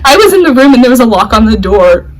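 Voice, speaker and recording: A woman's voice: a little high, sing-song, quick pace, rough recording. A young woman chatting casually with friends, giggly and dramatic, full of exclamations. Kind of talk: casual chat.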